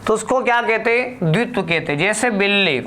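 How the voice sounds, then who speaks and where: A man teaching a grammar lesson for exam students in a slow, deliberate way, putting questions to the class and answering them himself. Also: high-pitched, lively intonation, bright, forceful tone, a little hiss or hum.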